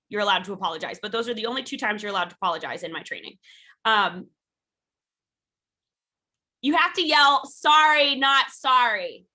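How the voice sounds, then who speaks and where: Bright, frank woman leading self-defense drills. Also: on the high side. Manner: frank, encouraging, many "um" fillers; calls out drill cues with rising energy. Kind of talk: live online workshop instruction. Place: her home.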